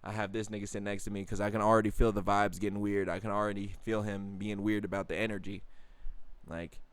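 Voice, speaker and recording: A young man with a lowish voice tells casual, slangy stories straight into the camera, often jumping into high-pitched exclaims. The sound is dry and close, with no room around it. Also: little pitch movement, quick pace, clean tone, no echo. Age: young adult. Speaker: vlogger. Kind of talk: casual storytelling monologue.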